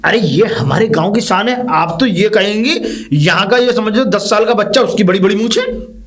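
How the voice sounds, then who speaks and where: A bumbling old mustached villager. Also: male voice, high voice, moderate pace, fairly bright tone. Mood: indignant. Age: older. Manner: rambling, keeps misspeaking then correcting himself. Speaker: villager guiding the new teacher. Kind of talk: rural comedy sketch acting.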